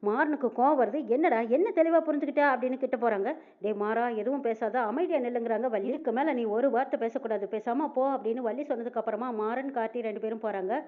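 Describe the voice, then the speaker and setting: A woman narrating a TV serial episode as a story, voicing every character's lines and tagging who speaks. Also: fairly high pitch. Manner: narrates quickly, reads out each character's lines with tags like "she says". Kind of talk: fast storytelling recap voicing all characters. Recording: tinny phone-like sound.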